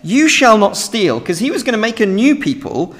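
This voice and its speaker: A man's voice: high voice, sing-song, moderate pace. A young British man preaching an earnest, emphatic sermon from a lectern in a large church hall. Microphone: standing at a lectern, lectern mic. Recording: reverberant hall.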